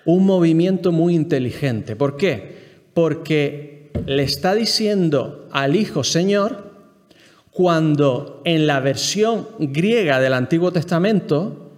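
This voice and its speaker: Male Bible teacher from Spain, higher register, explanatory lecture to a group, long hall reverb. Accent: Spain Spanish. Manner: explanatory, keeps checking in with the listeners and asking them questions.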